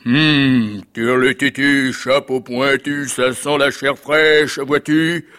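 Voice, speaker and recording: A man voicing a huge, ferocious male ogre in a read-aloud fairy tale, booming, slow and menacing. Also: fairly even intonation, pushed and bright, clear, resonant tone.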